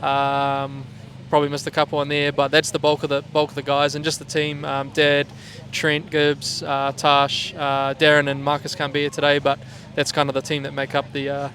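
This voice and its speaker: A man's voice: fairly high pitch, completely flat delivery, normal speed, hardly any pauses, a bit bright. A man with a broad Kiwi accent chatting casually and in a laid-back, slangy way as a driver being interviewed. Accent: New Zealand. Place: outdoors at a speedway. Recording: outdoor trackside with vehicle noise.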